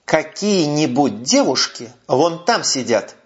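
A man's voice: a little high, very animated, takes it slowly. Guy putting on a bored ironic girl, drawls, muffled. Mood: languid. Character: cool ironic young woman, auburn-haired. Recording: muffled lo-fi audio.

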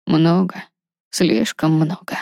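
A woman voicing an ancient, noble male dragon, speaking slowly and low with a velvety, softly raspy voice, recorded dry and close. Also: little pitch movement, no room sound, exaggerated voice. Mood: calm. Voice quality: velvety voice with a soft rasp. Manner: slow, low and measured.

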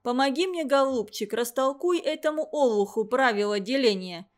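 A woman's voice: high-pitched, expressive, normal speed. A woman voicing a huge, cruel old female tutor who scolds her pupils in a harsh, furious way. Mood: angry scolding.

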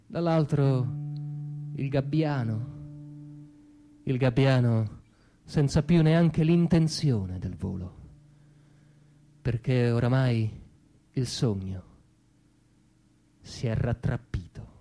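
Over plucked guitar, a male stage actor declaims a teatro-canzone style monologue, hammering on repeated phrases and pausing with intent. His voice is mid-range and warm.

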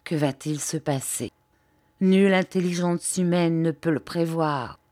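A woman's voice: on the low side, steady tone, measured pace, darkish tone, dry recording. A woman voicing a serious, anxious learned man in a storybook reading, speaking earnestly. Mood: desperate. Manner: earnest, solemn explaining.

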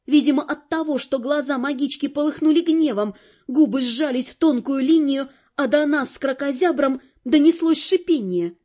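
Narrating an audiobook at a moderate pace, a woman uses a high, mellow voice with a wry edge. Her reading stays scripted the whole way, and the recording quality is dull and lo-fi.

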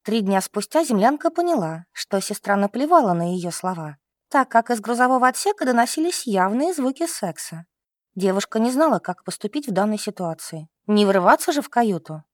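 A woman narrating an audiobook in an expressive, scripted reading style. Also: mid-range voice, a little fast, no room sound, studio quality. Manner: expressive, varied intonation.

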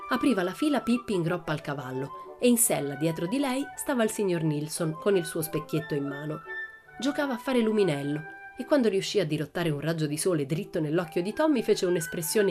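A woman reads a children's novel aloud as an expressive storyteller. Her fairly low voice rises and falls with a lot of movement. Faint music plays underneath. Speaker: narrator. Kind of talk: audiobook reading of a children's novel.

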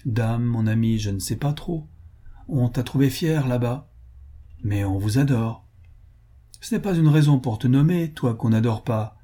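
A man's voice: medium pitch, unhurried, warm tone, close to an everyday voice. A man voicing a jovial older uncle in a storybook reading, with a hearty, exclaiming manner. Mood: teasing.

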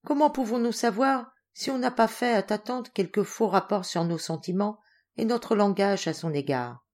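A woman voicing a gentle, saddened widowed noblewoman who speaks tenderly to her daughter. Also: mid-range voice, normal speed, voice pushed up, lightly acted. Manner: soft, tender, resigned.

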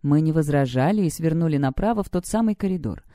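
A woman narrating a story in a steady, even reading voice. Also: deep voice, fast, no echo, clean studio sound. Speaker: audiobook reader.

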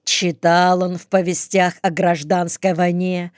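Slow clear woman reading an audiobook. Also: fairly low pitch, level tone, no room sound, studio quality. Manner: measured, unhurried reading. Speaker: audiobook narrator. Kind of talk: scripted narration.

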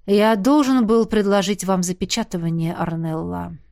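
Woman voicing a weary, calm male rector. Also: mid-range voice, normal speed, vocal fry, lightly acted.

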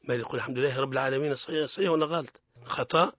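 A man's voice: medium pitch, rapid-fire, a bit bright, no echo, lo-fi sound. A man with a Tunisian accent teaching Quran recitation on radio, correcting pronunciation and modelling words for students to repeat. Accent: Tunisian Arabic.

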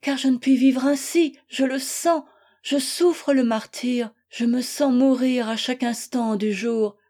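A woman's voice: fairly high pitch, unhurried, mellow. A woman reading an audiobook, voicing an anguished young wife who pleads in tearful prayer.

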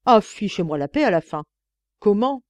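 A woman reading an audiobook, voicing a defiant young chambermaid who talks back loudly and indignantly. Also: mid-range voice, expressive, normal speed, dry recording, close to an everyday voice. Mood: furious. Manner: indignant, sharp-tongued, raises her voice.

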